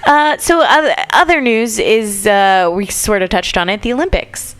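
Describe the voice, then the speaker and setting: A woman's voice: medium pitch, normal speed, a bit bright, smooth. A woman co-hosting a radio studio podcast, reading out the news with playful, teasing banter. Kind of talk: casual banter.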